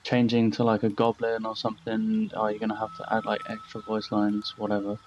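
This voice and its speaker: A man's voice: fairly low pitch, monotone, a little fast, darkish tone, soft background music. A young man casually commenting over his gameplay as a channel host, rambling and blunt with frequent swearing. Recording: slightly dull lo-fi voice-over.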